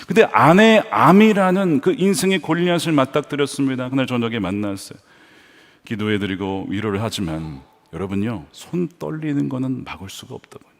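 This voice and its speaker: A male pastor preaching a sermon in a church, earnest, swinging between hushed storytelling and emphatic points. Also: medium pitch, lively intonation, a little fast, in a large hall.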